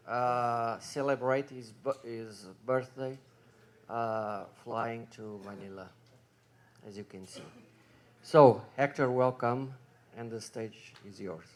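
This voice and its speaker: Halting slow-talking moderator, a man. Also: mid-range voice. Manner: halting, many fillers, self-correcting. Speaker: conference moderator. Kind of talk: introducing a speaker.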